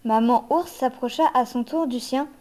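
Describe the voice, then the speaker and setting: A woman reads a children's fairy tale aloud. Her voice is high but mellow. She tells it gently and at a measured pace. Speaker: narrator. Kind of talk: reading a children's story aloud.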